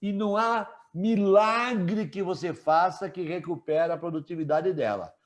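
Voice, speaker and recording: A man teaching a live online class, relaxed and chatty, asking students questions and joking with them. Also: high voice, a little slow.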